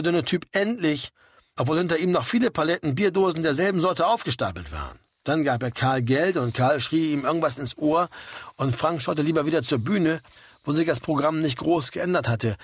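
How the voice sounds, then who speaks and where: A man reading a story aloud in a steady, wry narrating manner. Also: on the high side, breathy edge, no echo. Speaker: audiobook reader. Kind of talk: scripted narration.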